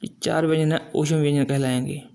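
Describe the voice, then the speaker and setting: Brief: middle-aged male teacher, slightly high, even-toned delivery, patient and methodical, stretches out example syllables. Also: vocal fry. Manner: slow, explanatory, drawing out sounds as examples. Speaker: Hindi grammar teacher. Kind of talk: classroom-style grammar lesson.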